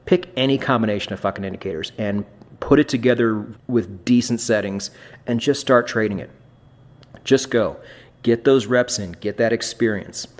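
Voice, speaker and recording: Blunt, low-voiced male podcast host. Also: moderate pace. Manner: blunt, swears casually, restarts phrases. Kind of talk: casual podcast chat.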